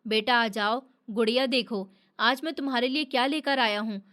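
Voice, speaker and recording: A woman's voice: fairly high pitch, moderate pace, a bit bright, close to an everyday voice. A woman voicing a grief-stricken middle-aged man who talks in a weary, pleading way.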